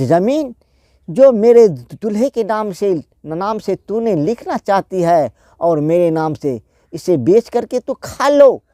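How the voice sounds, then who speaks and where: A man voicing a scheming young married daughter, coaxing her mother in a slow storyteller's voice. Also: sits high, warm tone, no echo, clean studio sound.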